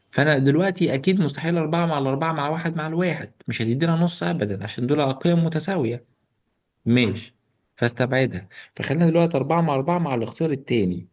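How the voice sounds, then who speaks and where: Fast-talking Egyptian math teacher. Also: male voice, mid-range voice, dull audio. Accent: Egyptian Arabic. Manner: lively, joking asides to students. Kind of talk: exam solution walkthrough.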